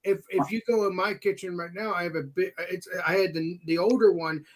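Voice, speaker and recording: A man in casual chat, excitable and given to repeating his words for emphasis. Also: high voice, brisk, a crowd in the background.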